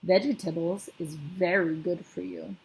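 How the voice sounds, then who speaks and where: A woman's voice: steady tone, a little slow, creaky, darkish tone, poor audio. Woman doing a kindly, eager friendly giant. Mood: eager, innocent. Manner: higher, eager, mangled grammar. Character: big kindly male giant, timid but clever.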